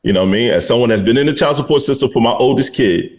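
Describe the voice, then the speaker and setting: A man's voice: mid-range voice, very fast. A man in his forties hosting a podcast, talking bluntly and candidly with some swearing in casual chat. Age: 40s. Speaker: podcast host.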